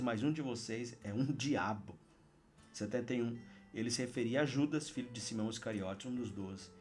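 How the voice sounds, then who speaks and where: A man with a Brazilian Portuguese accent, a pastor reading a Bible chapter aloud and preaching on it in an earnest, exhorting way that often sinks to soft, intimate tones. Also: mid-range voice. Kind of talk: Bible reading with devotional commentary. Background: faint guitar music.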